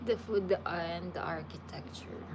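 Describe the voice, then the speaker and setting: Speaking a little slowly in a lowish voice, this livestream host, a woman from the Philippines in her thirties, answers viewer questions in a relaxed, chatty way, often restarting. The recording is very noisy.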